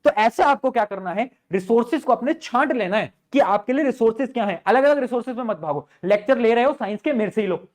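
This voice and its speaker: A man's voice: very high voice, expressive, fast, hardly any pauses, a little mellow. A male teacher giving students study-planning advice, speaking directly and informally, asking rhetorical questions and answering them himself.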